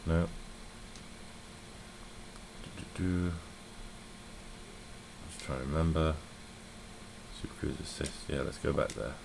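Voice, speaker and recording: A man's voice: a bass voice, steady tone, slow, vocal fry, pauses often, background noise. A man giving casual, rambling commentary while playing a game, often correcting himself and thinking aloud. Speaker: tech vlogger.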